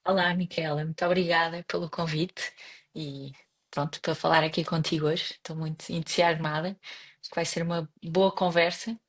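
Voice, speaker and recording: A young woman from Portugal speaks with a European Portuguese accent in a fairly low voice. She answers interview questions in a relaxed, conversational way, with frequent pauses and restarts. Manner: hesitant, many restarts and fillers. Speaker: guest.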